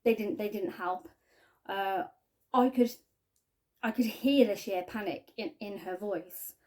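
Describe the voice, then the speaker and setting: Halting woman with a mellow voice. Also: mid-range voice. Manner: halting, earnest, often trailing off quietly. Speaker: spiking victim sharing her story. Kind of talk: personal testimony to camera.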